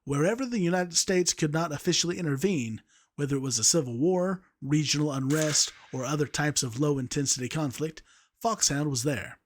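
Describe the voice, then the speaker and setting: A man's voice: on the high side, brisk. A young man reading a story aloud, amused by the text he narrates. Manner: amused, breaks off to laugh at the text.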